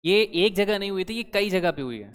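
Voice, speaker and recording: A man's voice: sits high, expressive, a little fast, fairly bright tone, clean tone. A young man teaching current affairs for exam preparation, chatty, constantly quizzing his students with questions. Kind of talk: exam-prep lecture. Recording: long hall reverb.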